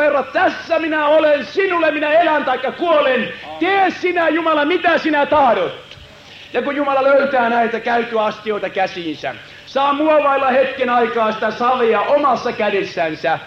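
A man preaching a dramatic revival sermon, swinging from loud proclamation to hushed retelling. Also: very high voice, a little hiss or hum. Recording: roomy, dull lo-fi hall recording.

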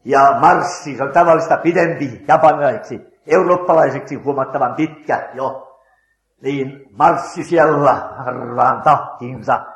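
A man's voice: mid-range voice, reverberant. An older man, a missionary preacher, telling a dramatic testimony with hesitant fillers. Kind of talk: storytelling testimony.

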